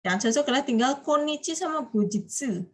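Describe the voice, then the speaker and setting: A woman's voice: high-pitched, animated, fairly quick, a little hiss or hum. A woman teaching a Japanese vocabulary class online, chatty and quizzing her students. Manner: chatty, quizzing students, frequent light laughs.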